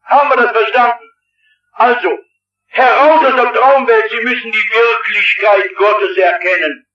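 Impassioned high-voiced preaching pastor. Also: male voice, fairly even intonation, measured pace. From partly Swabian. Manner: impassioned preaching, often crying out. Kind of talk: sermon. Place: large hall with audience. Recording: old roomy, muffled, distant hall recording.

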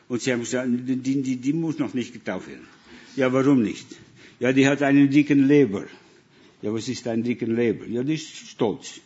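A man from the Netherlands, speaking German with a Dutch accent, preaches through missionary anecdotes, dramatizing the dialogue as he goes. His voice is mid-range with a darkish tone, and the recording has its highs cut off.

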